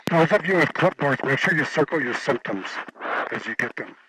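A man's voice: fairly high pitch, lively intonation, fairly quick, a bit bright, breathy edge, no echo, low-quality recording. A man coaching trainees with short instructions over a mask intercom.

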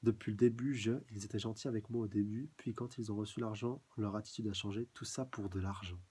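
A man reading out a shocked teen manga hero, stunned, mellow low-key voice, husky. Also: steady tone, brisk. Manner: stunned, questioning, read aloud from manga panels.

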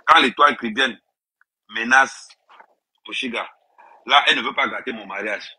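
A man holds forth to his viewers on a live stream, circling back to the same phrases and talking to them directly. His voice is sharp and tense with a husky edge. It is recorded on a tablet on a tripod indoors. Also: medium pitch, normal speed, rough recording. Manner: emphatic, repeats phrases, addresses viewers directly. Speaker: social media personality on a live stream. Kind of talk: ranting live stream monologue.

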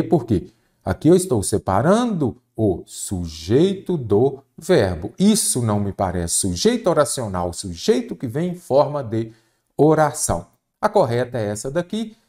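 This Portuguese teacher has a warm, lowish voice. He guides an exam prep lesson, taking exam questions step by step and answering the questions he poses himself.

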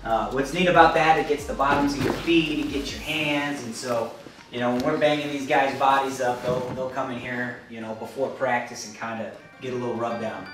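A man's voice: medium pitch, steady tone, over music. A man, a college wrestling coach, giving a casual tour of his facility and filling his talk with "you know" and "um". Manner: rambling, fills every pause with "you know" and "um".

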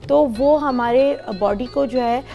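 A woman's voice: high-pitched, takes it slowly, creaky, muffled recording, soft background music. A woman in her thirties appearing as a guest cook on a TV show, explaining recipes and tips with a few hesitations, in a studio kitchen. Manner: explanatory, hesitant with fillers and restarts. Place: bright studio kitchen set.

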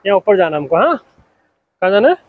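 A man's voice: sits high, sing-song, fast talker, narrow, tinny audio, noisy background. A young man talking casually to his viewers as a vlogger, chatty and friendly with the camera. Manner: chatty, addresses viewers as guys. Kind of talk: casual vlog chat.

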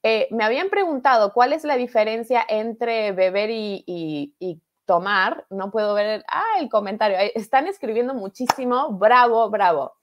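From her home studio, an Argentine woman with an Argentine accent teaches a live-streamed online Spanish class. She's patient and encouraging, repeating things and asking "¿verdad?" to check in with viewers, her slightly high, lively voice moving at a moderate pace with few pauses in lo-fi sound.

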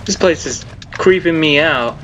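A man's voice: fairly high pitch, a little slow, slight background noise. Jumpy young man narrating a horror game. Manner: jumpy, excitable, yelps when startled. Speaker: gameplay video host. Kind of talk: casual gameplay commentary. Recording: game sound under the voice. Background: horror game ambience.

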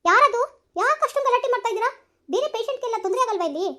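A woman voicing a village hospital nurse who scolds noisy visitors in a sharp, bossy way. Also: extremely high pitch, lively intonation, very fast, pitched above the performer's own voice, exaggerated voice. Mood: scolding. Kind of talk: village family drama acting.

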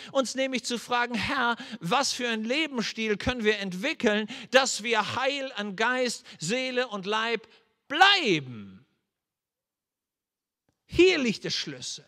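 A male pastor preaching a sermon, earnestly asking his listeners direct questions and turning soft and low as he leads into prayer. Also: lively intonation, unhurried. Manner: drops to a soft, low voice when leading into prayer. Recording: long hall reverb.

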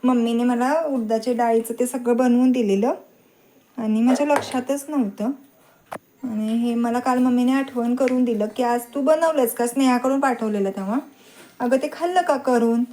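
A woman's voice: fairly high pitch, moderate pace, mellow. A woman in her thirties with a rural Marathi accent, chatting casually to viewers in a family vlog and teasing her daughters as she films. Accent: rural Marathi, Satara region. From Maharashtra, India. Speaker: family vlogger and mother. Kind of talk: casual home vlog narration. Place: home with rain outside.

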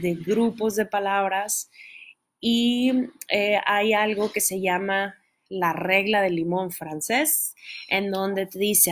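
A woman teaching an online pronunciation lesson, explaining step by step and often checking in with her listeners. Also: mid-range voice. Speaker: English teacher.

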